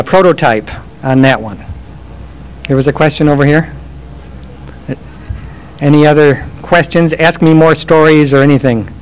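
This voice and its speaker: Man, fairly high voice, rambling storyteller, live Q&A. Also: clear, resonant tone, rough recording. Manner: rambling, chatty, self-deprecating humor. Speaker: game industry speaker.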